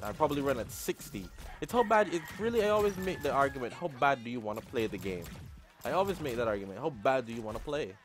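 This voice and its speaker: A man with an average-pitched voice hosts a gaming video. He talks casually and rambles through his commentary, circling back over his points. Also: expressive, fast talker.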